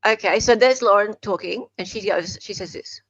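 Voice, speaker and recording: With a medium-pitched voice at normal speed and no room sound, an Australian woman gives sarcastic, bantering commentary and dramatic readings while hosting a casual livestream. Music plays in the background of the dull, lo-fi audio.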